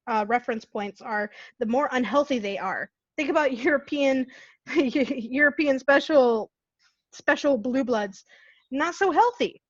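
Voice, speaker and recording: A woman from California speaks on a video call in a somewhat high voice, telling stories with animation and frequent laughter. The sound is dull and lo-fi, and it is very dry with no room echo. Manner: animated storytelling, laughs often. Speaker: guest speaker. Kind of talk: casual online Q&A talk.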